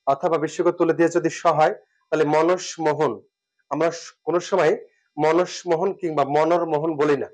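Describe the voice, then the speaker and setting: A man teaching spelling rules who speaks, repeats words, pauses with fillers and asks and answers his own questions. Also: fairly high pitch. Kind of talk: classroom lesson.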